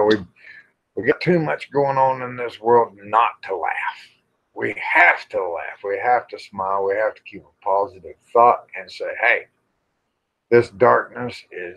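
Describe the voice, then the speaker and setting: His pitch sits fairly low with a slightly bright quality. He's a middle-aged man running a casual livestream chat, folksy, rambling and salty-tongued, captured in dull, lo-fi audio.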